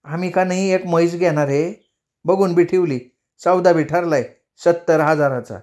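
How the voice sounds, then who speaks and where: Casting note: a quarrelsome village sister, put on by a male storyteller, scolding and taunting, high-pitched. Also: moderate pace, a little mellow, close to an everyday voice. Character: sharp-tongued village woman, hero's elder sister.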